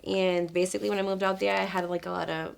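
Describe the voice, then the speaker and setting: A woman's voice: fairly low pitch, flat delivery, quick pace, gravelly, smooth. A young woman from Boston, a guest in a casual interview, talking loosely with plenty of fillers. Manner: loose and chatty, many fillers.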